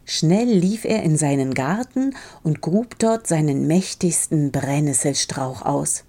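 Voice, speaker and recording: A woman reads a fairy tale aloud in a calm, measured way. Her voice sits low and mellow. She takes her time over every sentence. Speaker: storyteller.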